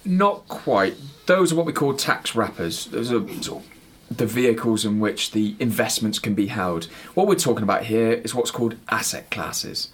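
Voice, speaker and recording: A man's voice: on the low side, lively intonation, normal speed, a little hiss or hum. A man with a West Country English accent, explaining things as an expert in a conversational podcast style.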